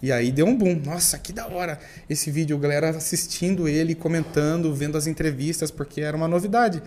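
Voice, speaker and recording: A man's voice: a little high, brisk, darkish tone, a little hiss or hum. A man casually telling a story about how he started covering events as a reporter. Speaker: podcast guest, event reporter.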